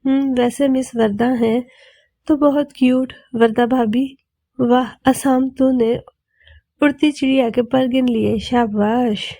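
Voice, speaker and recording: A woman's voice: fairly high pitch, fairly even intonation, slow pace, vocal fry, warm tone, no room sound, clean studio sound, full character voice. A woman voicing a playful young man who teases his brother mischievously. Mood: mock innocent. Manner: teasing, mischievous.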